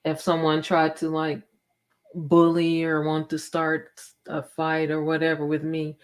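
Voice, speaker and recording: A woman's voice: deep voice, monotone, unhurried. A woman guest speaker sharing her personal story candidly and reflectively. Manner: reflective, candid, many soft affirmations.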